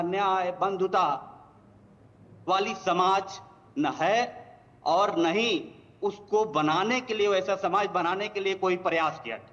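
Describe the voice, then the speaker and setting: A man's voice: sits high, fairly bright tone. Man on a muffled remote call line. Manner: argumentative, searching for words with repeated fillers. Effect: heard over a remote call line. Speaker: party spokesperson. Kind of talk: TV panel debate. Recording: dull lo-fi call with long reverb.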